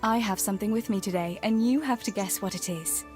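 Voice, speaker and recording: A woman's voice: medium pitch, a little fast, a little mellow, soft background music, close to an everyday voice. Theresa, a woman as a teasing young village sweetheart. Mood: playful. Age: young adult.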